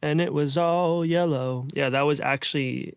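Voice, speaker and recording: A man co-hosting a casual music producers' chat over a video call, joking deadpan and explaining his studio workflow. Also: a little high, moderate pace, creaky, smooth, no echo. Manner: deadpan joking, says "bro" a lot. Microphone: home mic on video call.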